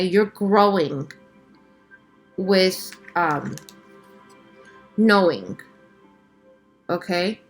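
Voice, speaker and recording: A woman doing a casual, channeled tarot reading as a spiritual guide, speaking in a halting, reflective, reassuring way and often checking in with the listener. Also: lowish voice.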